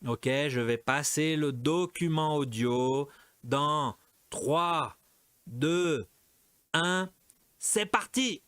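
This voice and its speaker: A man teaching a French lesson, repeating each example several times and slipping into quick Portuguese asides. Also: on the high side, a bit bright, clean tone, no room sound. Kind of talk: explaining a language lesson.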